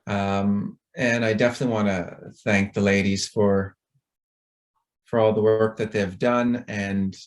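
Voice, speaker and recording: A man's voice: on the low side, level tone, unhurried. A middle-aged man giving a chatty, rambling talk to a conference over a video call, with a self-deprecating manner. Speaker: conference speaker.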